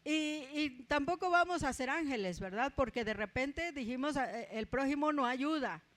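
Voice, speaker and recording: A Mexican woman with a Mexican accent preaching a conversational sermon, often tagging her points with a quick aside and telling personal stories with humor. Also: high voice, lively intonation, a bit bright. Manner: chatty, tags asides with ¿verdad?, tells personal stories with humor.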